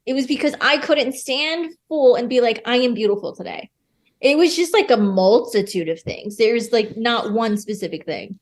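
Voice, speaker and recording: Young woman guest, a little high in pitch, speaks openly and emotionally in a rambling, chatty way. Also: moderate pace, few pauses. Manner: open, emotional, fills with "like". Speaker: podcast guest. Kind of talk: candid personal storytelling.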